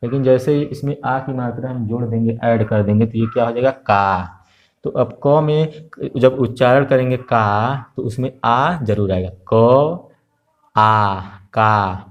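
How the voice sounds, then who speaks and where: In an online Hindi lesson for young children, a man speaks slowly and patiently, repeating every letter and sound and using lots of filler sounds. His voice sits in the mid range, and the audio is lo-fi.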